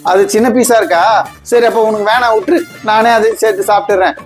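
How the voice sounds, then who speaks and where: A man's voice: high voice, fairly even intonation, quick pace, over loud music. A man playing a son and husband in a family comedy skit, teasing and pleading by turns.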